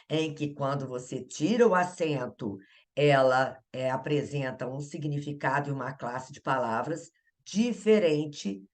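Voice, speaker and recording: A Brazilian woman teaching Portuguese grammar in an exam-prep lesson. She talks in a chatty way, asks the viewer questions and laughs at herself. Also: sits low. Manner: upbeat viewer prompts.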